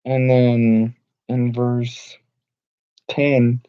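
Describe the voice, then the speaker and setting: A man reading and explaining Bible verses in an informal, halting way with many fillers and restarts. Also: medium pitch, monotone, warm tone, clear, resonant tone, no echo. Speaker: Bible study teacher. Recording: dull lo-fi home recording.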